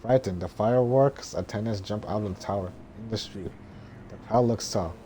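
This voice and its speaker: A man with a low, mellow voice reads out a film script in a droning monotone. He is halting and trips over words, with faint noise in the background.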